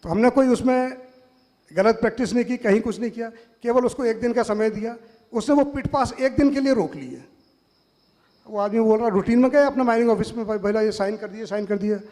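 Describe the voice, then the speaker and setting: High-voiced man telling anecdotes in a hall. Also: a little fast, a little mellow. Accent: Hindi from Madhya Pradesh. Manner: anecdotal, quotes others in dialogue. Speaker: panel speaker. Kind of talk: storytelling talk to an audience. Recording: hall reverb.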